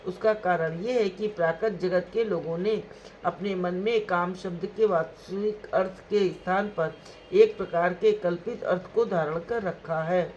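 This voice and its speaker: Man with a pretty high voice telling a devotional story, slow and measured, chants the verses, muffled audio w faint hiss. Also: steady tone, darkish tone. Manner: measured, recites scripture verses in a chanting lilt. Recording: dull lo-fi recording, faint hiss.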